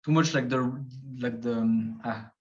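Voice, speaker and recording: Thoughtful and hesitant, a man from Switzerland who makes travel videos talks through his ideas in a relaxed interview, filling his speech with fillers and restarts. His medium-pitched, slightly mellow voice is fairly even in intonation and a little slow, captured in dull lo-fi podcast audio.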